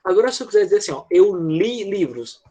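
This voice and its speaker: A man teaching a grammar lesson in an online class, patiently checking in with his students and slowing down to model words. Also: high voice, sing-song, warm tone. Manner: slows down to model English words. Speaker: English teacher.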